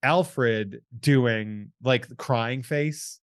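A man hosting a podcast, chatting casually and jokily while reading out listener shout-outs. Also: medium pitch, extremely slow, clear, resonant tone, no room sound, studio quality. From New England. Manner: rambling, jokey, reads listener shout-outs. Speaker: podcast host. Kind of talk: casual chat.

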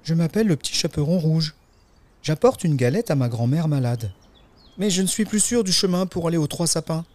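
A man voicing a polite, innocent little girl in a storybook, high and light, with wide-eyed exclamations. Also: expressive, a little fast, darkish tone, natural voice. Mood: polite, eager.

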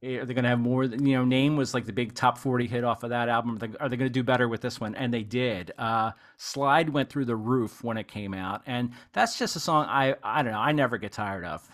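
A man's voice: medium pitch, brisk, few pauses, fairly bright tone. A man hosting a podcast in casual chat, rambling eagerly with many "you know"s as he talks about music he loves. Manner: rambling and enthusiastic, heavy use of "you know". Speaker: podcast host.

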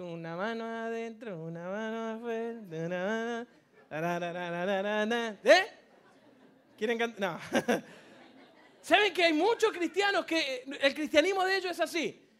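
A preacher delivering a sermon in a church with storytelling, moving between loud calls and hushed, near-whispered lines. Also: high-pitched, big pitch swings, normal speed. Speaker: guest preacher.

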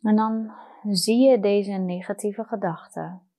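A woman guiding a meditation in a soft, soothing, unhurried manner with long pauses. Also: mid-range voice, fairly even intonation. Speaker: meditation guide. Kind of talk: guided meditation.

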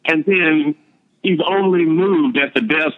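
A man walks through Bible stories in a relaxed podcast chat, explaining each point as he goes. His voice sits a little high. The sound is muffled and lo-fi. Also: takes it slowly. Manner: storytelling, explaining, laid-back. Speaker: podcast host. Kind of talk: casual Bible discussion podcast. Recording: dull lo-fi recording.

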